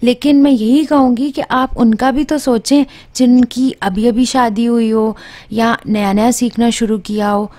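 A woman's voice: a little high, steady tone, unhurried, warm tone. A woman, narrating a cooking tutorial as channel host and explaining tips step by step.

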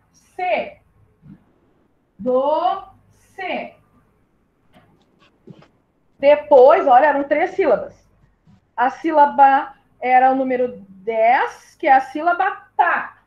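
This woman, a primary school teacher from southern Brazil, speaks in a high-pitched voice over lo-fi sound. She patiently walks young children through syllables in an online class, spelling them slowly and calling her pupils "my love."

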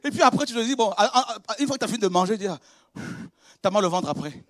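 A pastor preaches a sermon in a high, animated voice and talks fast, swinging from quiet, conversational confiding to shouted exclamations, with laughs and repeated words.

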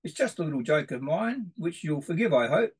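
A middle-aged male presenter gives a homely, rambling introduction and then reads poems aloud in a sing-song manner. His voice is on the high side and slightly rough, brisk in pace with big swings in pitch.

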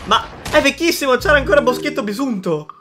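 A man in his 20s hosts a gaming video from an indoor streaming setup, reacting casually to game clips in an extremely high-pitched, animated voice at a quick pace. He struggles not to laugh and repeats himself with playful mock sympathy, while a crowd can be heard in the background.

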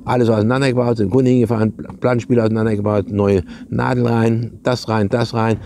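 A man's voice: mid-range voice, little pitch movement, quick pace, creaky, mellow, slight background noise. An older man, a retired radio and TV technician, telling rambling, chatty anecdotes to camera on a lapel mic and calling his viewers comrades. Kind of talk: casual anecdotal storytelling to camera.

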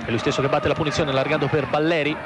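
A man's voice: a little high, flat delivery, rapid-fire. Male football commentator over roaring stadium crowd. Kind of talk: live football play-by-play commentary. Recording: noisy old TV broadcast, loud stadium crowd. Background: loud football stadium crowd.

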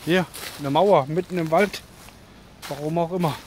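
A man in his thirties talks into a camera held at arm's length as he walks through the woods, joking and chatting. His voice sits a little on the high side, and a faint hiss and some clicks run under the outdoor recording. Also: normal speed. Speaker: bushcraft vlogger. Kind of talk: casual walking vlog. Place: outdoors in a forest. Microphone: handheld camera at arm's length.

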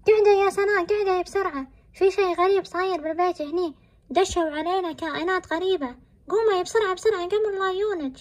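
A woman's voice: extremely high pitch, fairly even intonation, fast, darkish tone. A woman playing a fearful middle-aged mother in a family drama, full of anxious exclamations.

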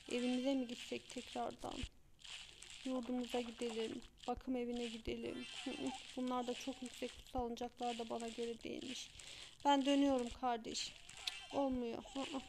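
A woman's voice: a little high, creaky. A woman narrating her game in a playful role-play, whining and pretend-crying like a lost baby. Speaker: gameplay channel host. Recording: noisy game audio underneath.

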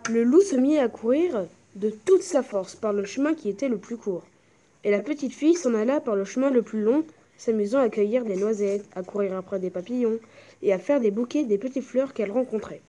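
A woman reads a classic fairy tale aloud as the storyteller. Her delivery is steady and careful, with a mellow, rounded tone. The voice sits fairly high for a woman. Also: brisk.

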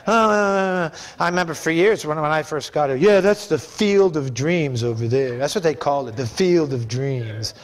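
A middle-aged pastor preaches a sermon from the pulpit of a church sanctuary, his voice a little high and his pace normal. He speaks in an emphatic, folksy, conversational style.

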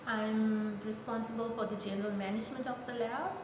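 A woman working as a lab technician introducing herself in an unhurried way with pauses. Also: on the high side, fairly even intonation. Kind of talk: interview statement. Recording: echoey hall with hiss.

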